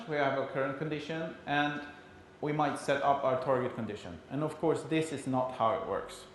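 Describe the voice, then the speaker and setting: A man from Sweden with a Swedish accent gives an explanatory conference presentation in a halting delivery, as a non-native speaker. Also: medium pitch. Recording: very echoey room, faint background noise.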